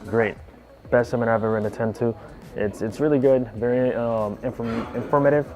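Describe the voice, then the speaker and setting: A man's voice: medium pitch, fairly even intonation, fairly quick, darkish tone, soft background music. A man from California giving an eager, earnest testimonial as a seminar student. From Lawndale, California. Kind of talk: testimonial interview.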